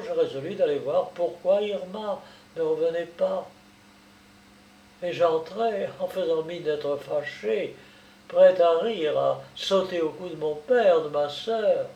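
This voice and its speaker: A man reading a novel aloud in a slow, measured storytelling voice. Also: on the high side, warm tone. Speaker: audiobook narrator. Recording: roomy, distant mic.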